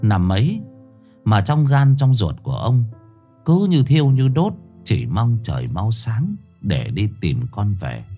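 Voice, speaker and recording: A man narrating a ghost story in a dramatic, expressive way. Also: fairly low pitch, a little slow. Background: soft background music.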